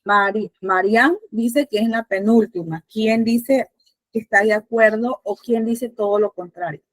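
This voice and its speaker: A woman's voice: a little high, unhurried, dry recording, low-quality recording. A Spanish teacher with a Panamanian accent, a woman, patiently asking her students questions with many fillers.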